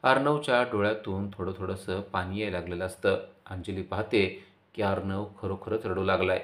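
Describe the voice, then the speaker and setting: A man's voice: low voice, normal speed. A man narrating a recap of a TV serial episode, retelling scenes and quoting the dialogue. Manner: steady retelling with quoted dialogue.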